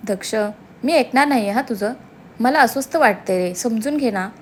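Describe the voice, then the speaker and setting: A woman's voice: a little high, expressive, normal speed, a little hiss or hum, close to an everyday voice. A woman voicing a feisty stubborn young wife. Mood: pleading. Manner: sharp, scolding, playful.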